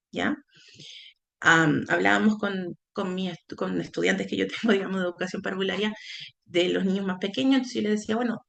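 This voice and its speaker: A woman's voice: medium pitch, gravelly, a bit bright. A woman lecturer explaining early childhood language teaching in a workshop, often checking in with her listeners as she goes. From Chile. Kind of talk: recorded teacher-training workshop talk.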